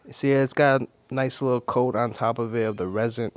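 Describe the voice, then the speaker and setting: A man with an ordinary mid-range voice talks through his workshop project in a loose, unscripted way. He explains each step plainly, pausing with "uh" and "um" as he works. Crickets chirp faintly in the background. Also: medium pitch. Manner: relaxed, chatty, step-by-step explaining with fillers. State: a little out of breath. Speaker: DIY boat builder. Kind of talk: casual how-to narration.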